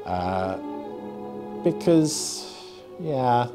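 A man's voice: medium pitch, very animated, drawn-out words. A man in his thirties giving casual, wry, musing episode commentary as a podcast host. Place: small furnished room, indoors. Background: episode soundtrack music.

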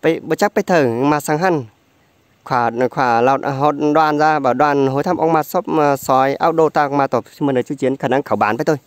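A man's voice: on the high side, fairly quick, no echo. A man, chatting casually as an interviewer. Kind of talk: casual chat with short acknowledgements. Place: outdoors on a village road.

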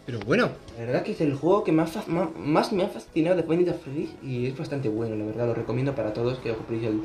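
A teenage boy from Spain, speaking with a Spanish accent, chats casually to camera as a gaming YouTuber in his bedroom, jokey and rambling. His medium-pitched male voice is a little mellow and he talks fast. The camera sits on the desk with close framing, and soft music plays in the background.

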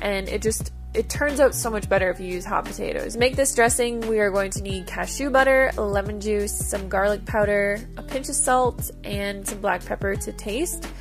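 Here a woman with a medium-pitched voice keeps a moderate pace and barely pauses. Her upbeat, conversational cooking-vlog narration covers each step, with background music running throughout.

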